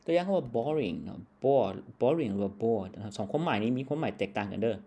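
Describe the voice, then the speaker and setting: A man's voice: mid-range voice, animated, fairly quick, dark tone. A man from Laos teaching English grammar in a patient lesson style, checking in with a short tag word after nearly every phrase.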